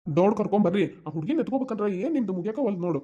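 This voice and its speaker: A gruff, cautioning village grandfather from a homespun cartoon, speaking with a North Karnataka accent, played by a woman. His voice is dark and heavy, and the words tumble out at great speed. The recording sounds dull and lo-fi. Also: expressive, racing. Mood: urging. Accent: North Karnataka Kannada. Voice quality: deep gruff put-on old-man voice. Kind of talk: cartoon voice acting.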